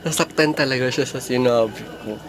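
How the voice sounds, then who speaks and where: A woman's voice: extremely low pitch, fairly quick. A woman hosting a casual couple vlog, teasing her partner and laughing often. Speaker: couple vlogger, host. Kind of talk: casual vlog chat with viewers. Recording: loud background music.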